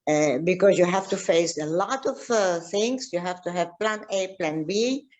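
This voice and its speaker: An older woman from Egypt, a tour guide and archaeologist, chatting casually and slowly with many fillers and restarts. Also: fairly low pitch, lively intonation, a little mellow. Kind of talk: casual video-call chat.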